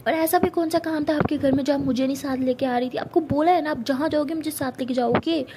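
Woman doing a bratty young college girl, pouty and high-pitched, always bickering. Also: steady tone, fast talker, background noise, lightly acted. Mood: indignant. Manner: sulky, pouty complaining. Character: feisty young female college student, quick to bicker.

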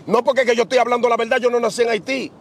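A man's voice: extremely high pitch, flat delivery, racing, a little hiss or hum. A middle-aged man preaching outdoors on a beach, asking rhetorical questions with emphasis. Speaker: preacher being interviewed. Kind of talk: preaching conversation.

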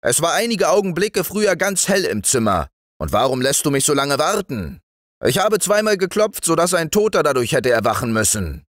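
A man voicing a defiant, scolding farmer's wife with a shrill, quick delivery. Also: fairly bright tone, dry recording, clean studio sound, lightly acted.

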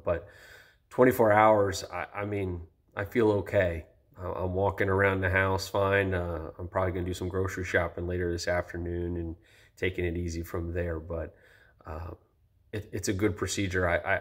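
Here's a man in his thirties with a low-sitting voice, a vlogger doing a laid-back personal review that wanders and restarts, peppered with ums. He's nasal and somewhat tired following nose surgery. The audio comes from a phone held near him in a room with a high ceiling.

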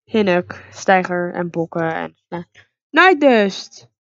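A woman casually commentating her horse-riding game and reading its dialogue aloud, excitable and calling out to her horse. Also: fairly low pitch, takes it slowly, no room sound, muffled recording. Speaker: let's play gamer.

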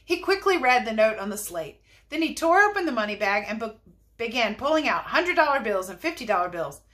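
A woman's voice: on the high side, big pitch swings, brisk, fairly bright tone. A woman, a teacher, reading a children's novel aloud expressively, with chatty asides.

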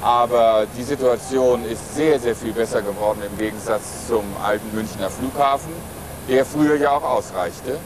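A man's voice: mid-range voice, normal speed. A middle-aged man, an airline captain, explaining things in an interview. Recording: clear aircraft cockpit noise.

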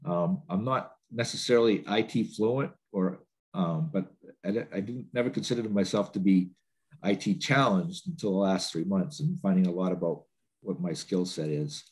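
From a home office on a laptop video call, a congested man presents a training webinar, his sentences loose and scattered with fillers and restarts. His voice is low and breathy, at a moderate pace.

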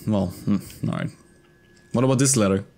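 A man's voice: lowish voice, normal speed, gravelly, warm tone. A man in his twenties giving casual let's-play commentary into a close desk mic, thinking aloud in a hesitant mutter. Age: 20s. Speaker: gaming video host. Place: indoor room at a desk. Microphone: close desk microphone.

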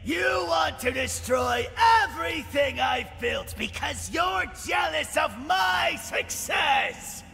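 An actor playing a vengeful undead skeleton boss in a video game, gloating with slow, theatrical villain menace. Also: male voice, very high-pitched, expressive, gravelly, sharp tone, raised voice, heavily acted. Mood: bitter menace. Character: vengeful undead skeleton crime boss, evil twin brother. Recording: long cavernous reverb, game music underneath.

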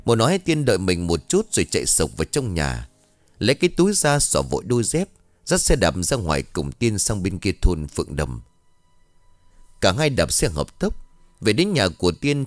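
A man narrating a ghost story with dramatic, expressive delivery. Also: fairly low pitch, moderate pace, dry recording. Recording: soft background music.

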